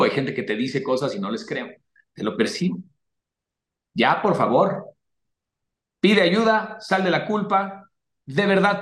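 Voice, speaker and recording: A man giving blunt, profane motivational advice to a caller, forceful and animated. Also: on the high side, echoey room. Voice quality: crude, swearing, forceful and animated.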